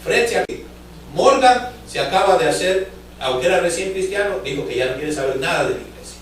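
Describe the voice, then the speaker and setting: High-voiced man preaching in an echoey church. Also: lively intonation, slight background noise. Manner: fervent, drawn-out emphatic phrases, addresses the congregation directly. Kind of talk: sermon storytelling. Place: church sanctuary. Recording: echoey church hall from far off.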